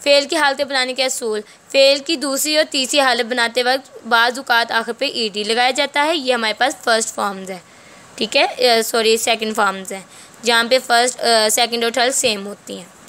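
A woman's voice: a little high, fairly even intonation, moderate pace, sharp tone. A woman with a Pakistani accent teaching English grammar in a recorded lecture. She reads English rules out word by word, then explains them in Urdu, often checking "theek hai".

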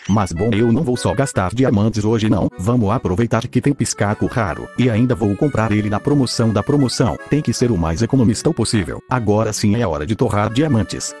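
A man's voice with a raspy, half-robotic synthetic sound, hosting a gameplay video with crude, self-mocking jokes. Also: fairly low pitch, dark tone. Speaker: mobile game channel host. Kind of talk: joking gameplay commentary.

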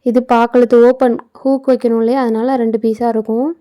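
A woman's voice: a little high, level tone, brisk, dark tone. Chatty woman narrating a sewing tutorial. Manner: casual explanatory, chatty asides. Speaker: tailoring channel host. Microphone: phone.

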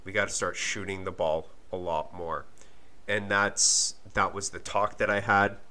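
A man hosting a solo soccer coaching podcast, hoarse after losing his voice, talking candidly with some restarts. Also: sits low, fairly even intonation, a little slow, pushed and bright. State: hoarse from a lost voice.

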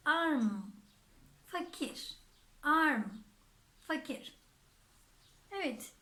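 A woman's voice: sits high, a bit bright. A woman teaching a vocabulary lesson, saying each word twice and then translating it. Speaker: German teacher. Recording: echoey room.

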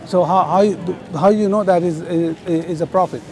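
A high-voiced man debating hard on an outdoor park plaza. He keeps interrupting and pressing with pointed questions, his voice caught by a nearby camera mic. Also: moderate pace, darkish tone, a little hiss or hum. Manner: insistent, interrupting, challenging. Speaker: street preacher at a debate booth. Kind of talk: heated street debate.

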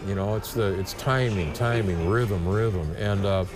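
A man's voice: fairly low pitch, a little slow. A man in his seventies giving interview answers as a professional caller, repeating words for emphasis. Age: 70s. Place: large bingo hall, indoors.

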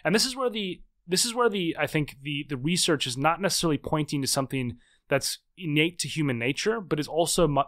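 A podcast guest in his thirties, also an author, explains things at length in a conversational interview. His voice sits fairly high, and his quick speech is full of restarts and repeated words.

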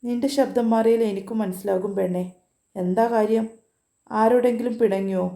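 A woman's voice: fairly high pitch, fairly even intonation, moderate pace, close to an everyday voice. A woman voicing a teasing, loving young man. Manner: playful, gently teasing. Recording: roomy echo.

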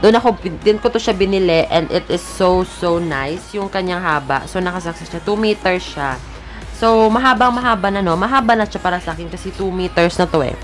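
A young woman with a Filipino accent talks through a casual gadget review, fairly low-pitched for a woman, and keeps checking in with her viewers. Her phone and lapel mic pick up the chat, with faint music playing underneath. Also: fairly quick. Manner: chatty, keeps tagging "guys, no?". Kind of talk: casual product review vlog. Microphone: switches between a lapel mic and the phone's own mic.

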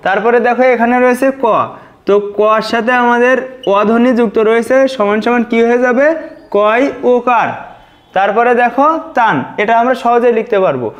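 A man's voice: very high-pitched, steady tone, normal speed. A man teaching a lesson, patiently repeating words and breaking them into syllables. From Bangladesh. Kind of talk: spoken exam-prep lesson.

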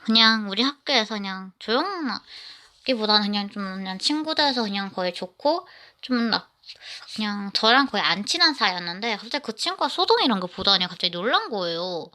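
A woman's voice: mid-range voice, expressive, a little fast, bright, forceful tone. A woman narrating a personal story in the first person, rambling and often restarting her sentences.

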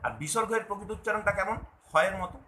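A man's voice: high voice, quick pace, pushed and bright, roomy sound, slight background noise, rough recording. A man giving a video lesson to viewers, patiently explaining and repeating, often asking a question and then answering it himself. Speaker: Bengali language teacher.

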